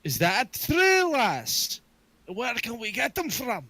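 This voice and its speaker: A man voicing a blunt, gruff male adventurer who calls people lass. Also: extremely high pitch, huge pitch swings, slow, bright, forceful tone, no echo, voice pushed up, full character voice.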